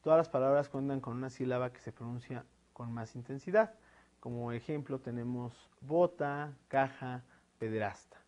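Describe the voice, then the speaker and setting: Un hombre con acento mexicano que da una clase grabada de gramática, explicando paso a paso con muletillas como "eh" y "este" y preguntas como "¿no?". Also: male voice, medium pitch, normal speed, a little mellow. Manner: explanatory, with frequent fillers "eh" and "este" and tag "¿no?". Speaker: teacher. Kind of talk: recorded online lesson.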